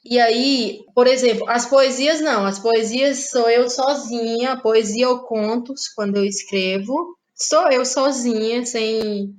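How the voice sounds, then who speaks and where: A playwright and actress from Ceará in northeastern Brazil speaks with a Cearense accent in a fairly high voice. Interviewed in a reflective, conversational way, she takes her time with few pauses and often closes phrases with a small tag seeking agreement.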